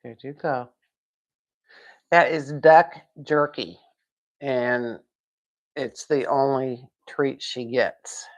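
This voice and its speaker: A woman's voice: extremely low pitch, steady tone, very slow, long pauses. A woman hosting a casual live stream from home, rambling, laughing and answering viewer comments.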